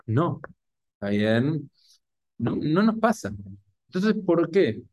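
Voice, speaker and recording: Animated Rioplatense man teaching Torah. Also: on the high side, takes it slowly, dry recording. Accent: Rioplatense Spanish. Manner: animated, asks the audience constant rhetorical questions. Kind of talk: Torah class to an audience.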